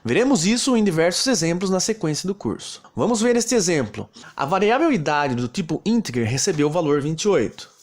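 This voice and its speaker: Brazilian male teacher, slightly high voice, lively delivery, methodical step-by-step lesson narration. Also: brisk, few pauses. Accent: Brazilian Portuguese. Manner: steady, explains step by step. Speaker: programming teacher.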